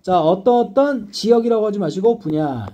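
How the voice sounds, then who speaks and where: Speaking at a normal speed, a man with a high voice teaches an English class. He's lively, shifting his emphasis up and down, and repeatedly checks that the students understand.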